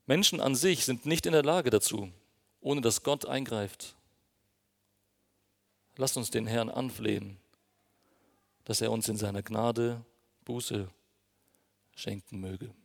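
A man's voice: medium pitch, takes it slowly, vocal fry, long pauses. A man preaching a sermon, earnest and emphatic, speaking directly to his congregation. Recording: long reverb of a hall.

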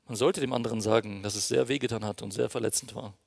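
A man's voice: fairly low pitch, fairly even intonation, quick pace, vocal fry, a little mellow. A man preaching a sermon, earnest and emphatic, speaking directly to his congregation. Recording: long reverb of a hall.

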